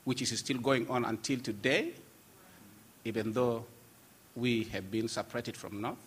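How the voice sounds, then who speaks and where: A man's voice: mid-range voice, measured pace, a bit bright, a little hiss or hum. A man from Sudan, a pastor giving an earnest, emphatic testimony with frequent restarts. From South Sudan. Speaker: pastor and guest. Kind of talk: testimony in conversation.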